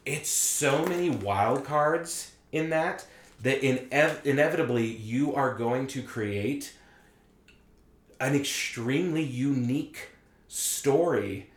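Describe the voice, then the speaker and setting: A man's voice: medium pitch, slow pace, roomy sound. A man chatting as a podcast guest, enthusiastic and rambling, full of "like"s. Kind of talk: casual chat.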